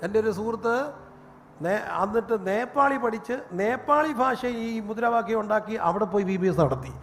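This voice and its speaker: Man, pastor, high voice, sermon, chatty storytelling turning fervent, long hall echo. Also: normal speed, fairly bright tone, a little hiss or hum. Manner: conversational storytelling that rises into fervent preaching.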